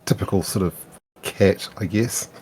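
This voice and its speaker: Man from Wellington, New Zealand accent, slow talker, halting, low-key. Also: darkish tone, a little hiss or hum. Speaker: player.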